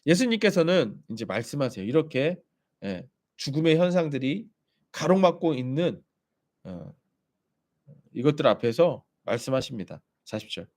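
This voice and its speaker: A man's voice: mid-range voice, very animated, normal speed, a little mellow. A man preaching a sermon as pastor, animatedly acting out quoted voices.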